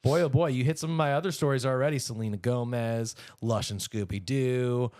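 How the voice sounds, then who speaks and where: An American podcast co-host chats casually about entertainment news, dropping wry, opinionated asides. His medium-pitched voice is darkish in tone and a little fast, with no room sound.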